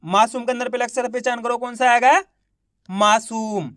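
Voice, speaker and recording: A man's voice: very high-pitched, level tone, fast talker, fairly bright tone, no echo, clean studio sound. A man teaching beginners to read, sounding out each word syllable by syllable and answering his own questions. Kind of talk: reading lesson for beginners.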